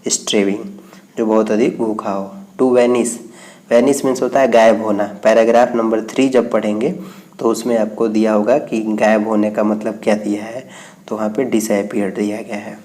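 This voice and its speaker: A male teacher explaining an English reading exercise, reading the English lines out slowly and then explaining each one. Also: lowish voice, little pitch movement, mellow.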